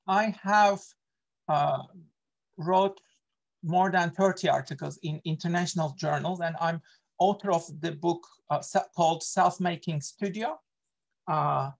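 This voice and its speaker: Over a video call, a middle-aged Turkish man, an associate professor with a Turkish accent, earnestly runs an online workshop. His voice is a little high and creaky, and he uses frequent fillers and corrects himself often.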